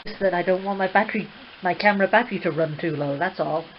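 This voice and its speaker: A woman chatting casually on a live stream, teasing and quick to laugh. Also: lowish voice, highs cut off. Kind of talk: casual chat.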